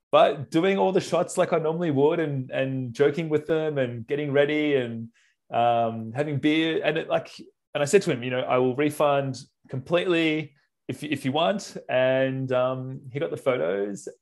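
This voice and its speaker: A middle-aged Australian man, a wedding photographer, telling a story casually and acting out quoted lines, clearing his throat now and then. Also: fairly high pitch. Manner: animated, acts out quotes, frequent clears throat.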